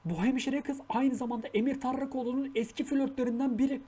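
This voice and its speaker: A woman's voice: sits high, steady tone, quick pace, warm tone, soft background music. A woman streamer in casual reaction commentary, exasperated, scolding the characters on screen, swearing and muttering prayers. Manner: swears and mutters prayers while she talks.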